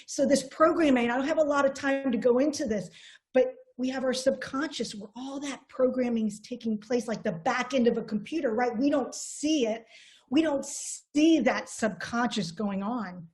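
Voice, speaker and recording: Lively woman giving an online seminar. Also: sits high, normal speed. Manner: energetic, storytelling with restarts. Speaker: presenter.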